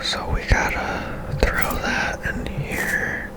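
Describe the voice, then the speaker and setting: Playing a video game, a male game streamer and ASMR host murmurs casual commentary in a whisper. His musings are hushed and relaxed in pace.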